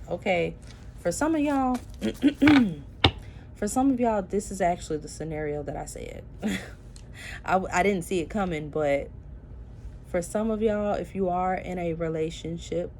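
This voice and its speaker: Sounding tired and sleepy in the early morning, a woman gives a chatty tarot reading, calling her viewers "y'all" and talking straight to them with plenty of fillers. Her lowish voice is animated yet slow, a little mellow, with vocal fry and frequent pauses. Slight background noise is present.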